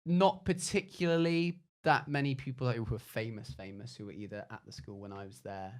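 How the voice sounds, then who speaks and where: A man's voice: medium pitch, steady tone, brisk. A young man with a posh English accent, chatting casually as a podcast guest with lots of fillers. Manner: chatty, rambling with many fillers.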